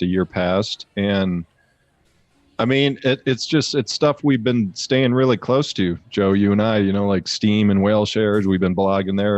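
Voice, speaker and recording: Low-voiced male co-host, dull dry sound. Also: no echo. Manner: easygoing, rambling explanations. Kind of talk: casual live show chat.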